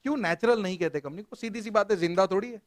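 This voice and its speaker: Lively Indian male teacher, high voice. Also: fast, dry recording. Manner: lively, jokey, quizzes students, mixes Hindi and English. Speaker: company law teacher. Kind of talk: classroom lecture. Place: classroom.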